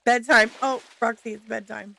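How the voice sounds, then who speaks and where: A woman's voice: fairly high pitch, steady tone, moderate pace, vocal fry, bright, forceful tone. A woman streamer chatting casually with viewers while playing a game, laughing often. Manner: chatty and giggly, answering viewers. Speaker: gaming streamer.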